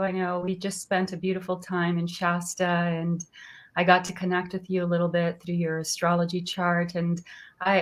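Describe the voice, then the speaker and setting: A woman, an astrologer guest telling her story in an earnest, soft-spoken way. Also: lowish voice. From Brazil. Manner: soft-spoken, earnest, laughs often, frequent restarts. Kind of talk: warm personal interview storytelling.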